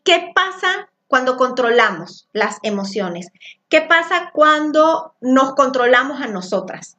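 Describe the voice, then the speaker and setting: A high-voiced woman with a Venezuelan accent teaches a group over a video call, her speech quick, loud and tumbling ahead of itself. The call audio is muffled and lo-fi. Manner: fast, rushed, loud talker. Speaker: spiritual workshop teacher.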